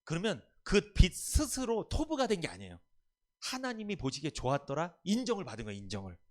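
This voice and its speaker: A man's voice: high-pitched, huge pitch swings, fairly quick. A man preaching a sermon as pastor at a church service, emphatic and quizzing the congregation with questions for them to answer.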